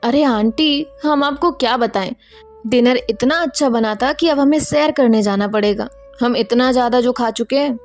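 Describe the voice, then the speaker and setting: A woman's voice: on the high side, moderate pace, a little mellow, faint music behind, close to an everyday voice. A woman voicing a cheeky playful young woman. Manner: teasing, joking.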